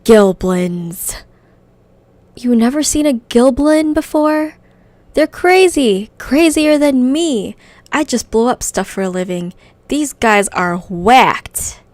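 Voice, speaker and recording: A woman voicing a loud, excitable, greedy male goblin explosives man, reading quest text aloud in character. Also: a little high, dry recording. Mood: brash. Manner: brash, fast-talking, greedy.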